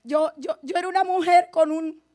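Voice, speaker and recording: A woman pastor giving her testimony in a sermon, speaking to her listeners directly and swinging between hushed and forceful delivery. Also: very high voice, fairly even intonation, moderate pace.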